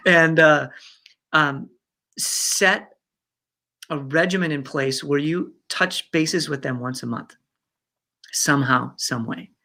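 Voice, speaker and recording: A man in his fifties chats as a guest in an interview. His voice is gravelly and bright, full of fillers, restarts and easy laughter. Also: medium pitch. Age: 50s. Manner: chatty, laughs often, many fillers and restarts. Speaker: guest speaker. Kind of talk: casual interview chat.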